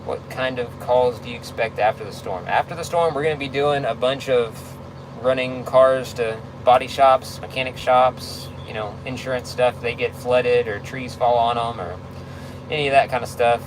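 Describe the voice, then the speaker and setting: Over clear vehicle noise, a man talks casually as if to a livestream audience, answering questions. His delivery is laid-back and halting, at a medium pitch. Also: fairly even intonation. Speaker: tow truck driver livestreaming.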